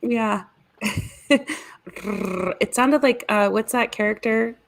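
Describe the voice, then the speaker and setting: A woman co-hosting a casual video-call chat, talkative and quick to laugh, with rambling asides. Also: on the high side, fairly even intonation, creaky. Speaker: podcast co-host.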